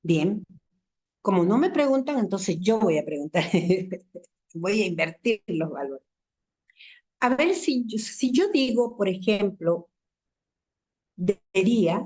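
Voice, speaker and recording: A woman teaching a university language class online through a computer mic, patient and explanatory, repeating examples slowly and asking the class rhetorical questions. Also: mid-range voice, a little mellow. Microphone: computer mic in a video call.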